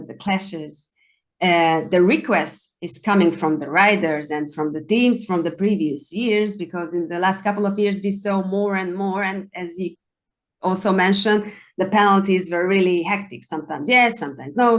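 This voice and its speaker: A Hungarian woman whose first language is Hungarian co-hosts a podcast, chatting casually in a fairly low voice. She sounds hesitant and apologetic, often searching for her words.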